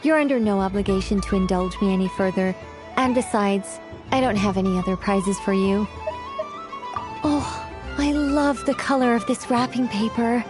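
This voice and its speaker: A woman playing a dainty, fussy young woman in a video game, expressive and thinking aloud. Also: medium pitch, normal speed, close to an everyday voice. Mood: friendly, playful. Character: bright, dainty young woman, fussy and gushing over pretty things. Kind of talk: video game character acting. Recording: music playing behind the voice.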